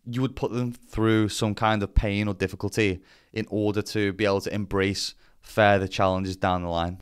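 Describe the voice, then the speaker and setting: A man's voice: fairly low pitch, clean tone. A man giving a casual explainer as a vlogger, talking bluntly with some swearing and self-deprecation. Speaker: vlogger presenting to camera.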